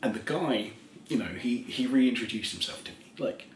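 A tipsy man in his thirties telling a rambling ASMR story in a soft voice, chuckling often and slipping into half-whispers. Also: mid-range voice, expressive, moderate pace. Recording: roomy echo, faint background hiss.

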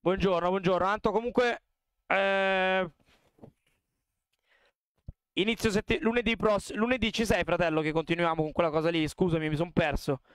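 A man's voice: sits high, moderate pace, pauses often, clear, resonant tone, no room sound, studio quality. A young man chatting casually with his live-stream audience at a desk mic, chatty and swearing freely. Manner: chatty, swears a lot, talks to chat.

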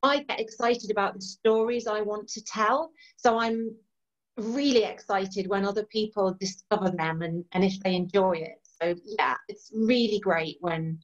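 In a casual chat over dull, lo-fi video call audio, an author from East Yorkshire, England, is interviewed from her bookshelf-lined home room. In her forties, she speaks with a mix of Yorkshire and Irish accents in a mid-range voice at a measured pace, enthusiastic and quick to laugh.

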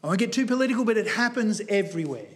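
High-voiced earnest male preacher. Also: animated, rapid-fire, a bit bright. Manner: earnest, emphatic storytelling with shifting pace. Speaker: guest preacher. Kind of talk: sermon. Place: church.

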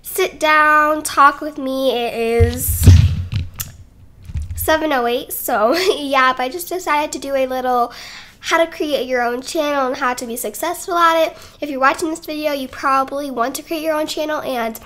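Bright, chatty, high-voiced young woman. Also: moderate pace. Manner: chatty and rambling, giggly, self-conscious. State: a little out of breath. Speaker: YouTuber. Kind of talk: casual sit-down vlog talk. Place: home, indoors. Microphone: desk microphone.

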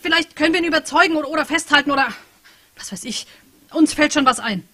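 A woman's voice: sits high, sharp tone, pitched above the performer's own voice. A woman reading the part of an agitated young male programmer, urgent and threatening. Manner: urgent, threatening, talks fast. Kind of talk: author reading a novel aloud.

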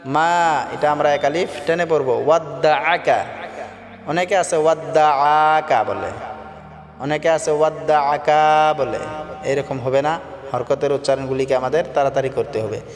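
Bengali man teaching melodic Quran recitation. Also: on the high side. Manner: alternates slow melodic chanted recitation with quick spoken explanations. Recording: long hall reverb with faint music.

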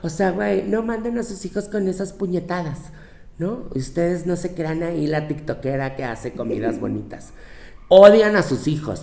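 A man's voice: fairly high pitch, creaky. A man voicing a bossy young Mexican woman with a Mexican accent, lecturing her girlfriends in a profane, scolding comic monologue. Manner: brash, profane, scolding, with mocking quoted voices. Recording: roomy, echoey room.

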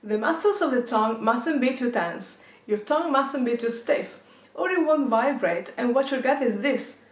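A woman's voice: a little high, lively intonation, normal speed, roomy sound. A middle-aged woman with an Italian accent giving an instructional pronunciation lesson, demonstrating rolled R exercises and enunciating example words. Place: indoor studio with plain backdrop.

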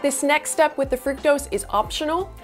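A woman in her thirties hosting a bubble tea recipe tutorial, explaining each step in a bright, upbeat way on a studio kitchen set with a lapel mic. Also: high voice, normal speed. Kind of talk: scripted cooking tutorial. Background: soft background music.

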